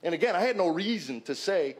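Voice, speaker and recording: A man's voice: expressive, brisk, breathy edge. A man in his fifties giving a personal testimony to a men's gathering, emphatic and repeating words when stuck. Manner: emphatic storyteller, swings loud and high at peaks.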